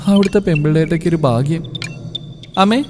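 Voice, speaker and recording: Playful male story reader, high voice, long reverb behind. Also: moderate pace, background noise. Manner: lively, playful, comic. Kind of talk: first-person story reading with voices.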